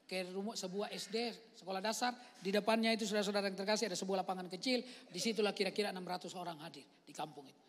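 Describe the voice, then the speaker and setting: A male pastor preaching a lively storytelling sermon, swinging from loud outbursts to hushed near-whispers and acting out the voices he quotes. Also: sits high, racing, a little hiss or hum. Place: church hall. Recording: long reverb of a large church hall.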